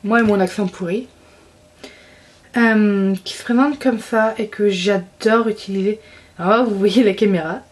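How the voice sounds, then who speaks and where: A woman's voice: medium pitch, fairly even intonation, moderate pace. A young woman chatting casually about her monthly beauty favorites, enthusiastic and full of fillers and restarts. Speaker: beauty vlogger.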